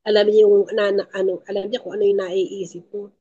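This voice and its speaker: A woman's voice: mid-range voice, level tone, brisk, dark tone, lo-fi sound. A woman giving a teaching talk at a prayer group, emphatic and repeating her key points, with tearful moments. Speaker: lay speaker at a prayer group.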